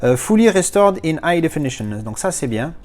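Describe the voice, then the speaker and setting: A man's voice: fairly high pitch, very animated, brisk, a little mellow. A man from France chatting casually as he unboxes his latest movie discs, rambling with playful asides.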